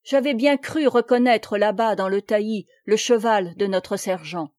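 A woman's voice: mid-range voice, unhurried, darkish tone, no room sound, studio quality, close to an everyday voice. A woman reading as a blunt soldier. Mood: earnest. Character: blunt, loyal male soldier, man-at-arms.

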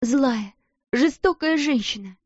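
A woman's voice: sits high, moderate pace, mellow, no echo, pitched above the performer's own voice, lightly acted. A woman voicing a proud, passionate young schoolgirl who speaks earnestly, in a muffled, dull recording. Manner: earnest, intense.

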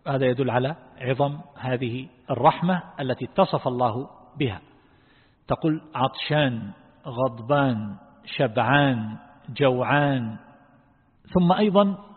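Husky-voiced man teaching in a reverberant hall. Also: medium pitch. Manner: asks the class questions; explains slowly and deliberately. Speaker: Islamic scholar teaching Quran reflection. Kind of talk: religious lesson. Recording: phone-like audio in a long-reverb hall.

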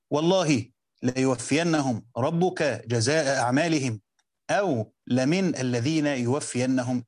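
A man with an Egyptian accent teaching a class on Quranic commentary. He explains step by step, repeats words and reads quoted text slowly. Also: on the high side, no room sound, clean studio sound. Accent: Egyptian Arabic. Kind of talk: classroom lecture with text reading.

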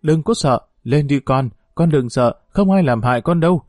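A grieving old village mother pleads and scolds, as a male narrator reads her lines. The voice stays dark and mellow, close and dry, in an audiobook reading. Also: mid-range voice, lively intonation, moderate pace, breathy edge, no echo. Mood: pleading. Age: older.

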